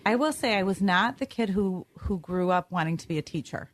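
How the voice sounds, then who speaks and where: A woman's voice: fairly low pitch, lively intonation, a little fast, no room sound. Composed woman, radio guest. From Greece, New York. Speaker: school superintendent, guest. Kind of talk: radio interview answers. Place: radio studio.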